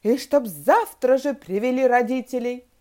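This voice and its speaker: A woman voicing a strict, easily angered female schoolteacher who scolds her pupils in sharp outbursts, as she reads a story aloud to children. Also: high voice, very slow, heavily acted. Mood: shouting. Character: strict irritable female schoolteacher, middle-aged.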